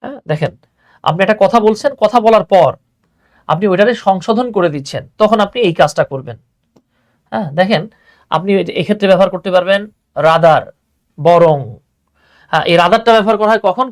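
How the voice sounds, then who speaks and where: A man's voice: high-pitched, lively intonation, fairly quick, pauses often. Patient Bangladeshi male English tutor. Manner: explains patiently, repeats phrases, addresses students as "baba". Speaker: English teacher. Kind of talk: online exam-prep lesson.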